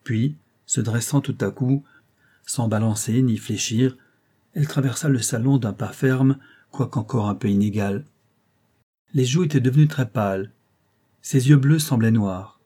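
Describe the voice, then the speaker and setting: A man reading a novel aloud in a measured, steady way. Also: medium pitch, slightly rough. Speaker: audiobook reader.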